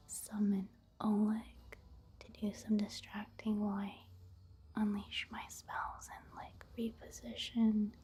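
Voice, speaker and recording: A medium-pitched woman provides soft-spoken ASMR game commentary in a hushed, breathy whisper, keeping it gentle and unhurried.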